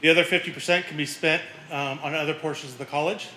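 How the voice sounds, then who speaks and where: A man's voice: fairly high pitch, fast. Man presenting a budget in an echoey room. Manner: explanatory, steady, with fillers. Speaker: college finance officer presenting budget. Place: boardroom. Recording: echoey meeting room with faint noise.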